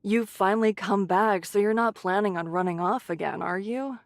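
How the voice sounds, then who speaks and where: In an English anime game, a woman voices a caring, brisk shelter leader who scolds in a motherly, teasing way. Her mid-range voice stays close to an everyday one, with no echo, and the mood is teasing and scolding.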